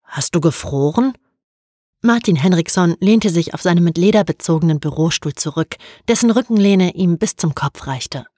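A woman narrating an audiobook in a calm, even storytelling manner. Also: lowish voice, normal speed, few pauses, husky, no echo, clean studio sound.

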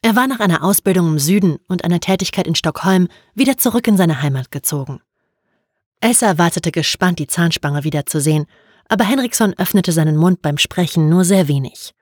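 A woman narrating an audiobook in a calm, even storytelling manner. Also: fairly low pitch, fairly quick, no room sound, clean studio sound.

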